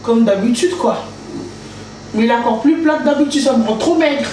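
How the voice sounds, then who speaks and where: A woman's voice: a little high, moderate pace, mellow, recorded from a distance. A woman chatting casually on a live stream from her home kitchen, playful and chatty, often singing to herself. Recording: echoey room with background noise.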